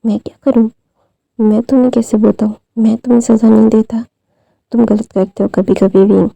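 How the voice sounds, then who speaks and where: Brief: a tired, resigned old grandfather in a read-aloud story, dark, flat voice, read by a woman. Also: on the high side, moderate pace, gravelly, dry recording. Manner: resigned, shrugging.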